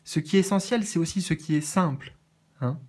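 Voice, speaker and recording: A man doing a casual spiritual card reading, earnest and gentle, with many fillers and restarts. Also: fairly high pitch, fairly quick. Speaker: medium reading oracle cards.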